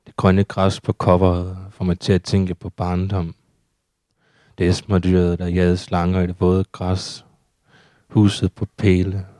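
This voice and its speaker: A man reading his own surreal prose poetry aloud in a steady, measured recitation. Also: low-pitched, no room sound, studio quality.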